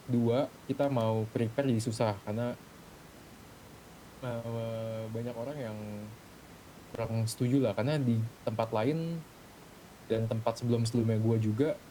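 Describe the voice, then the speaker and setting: Over a gaming voice chat mic, a man in a role-play gang meeting casually explains his points one step at a time. His voice is dark, steady, and moderately paced, and the low-quality recording carries a rumbly background noise.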